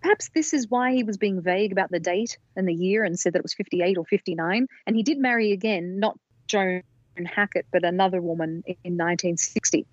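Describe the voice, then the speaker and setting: Speaking a little fast in a medium-pitched voice, a woman co-hosting a podcast lays out her research in a relaxed, explanatory way with minor restarts. The audio is dry, dull, and lo-fi.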